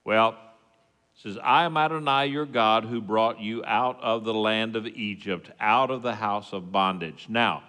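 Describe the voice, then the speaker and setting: Slow West Texas twang in a reverberant hall. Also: male voice, lowish voice, sharp tone. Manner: folksy, halting, plain-spoken asides. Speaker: congregation teacher giving the sermon. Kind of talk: informal teaching sermon with scripture readings. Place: reverberant hall at a worship service.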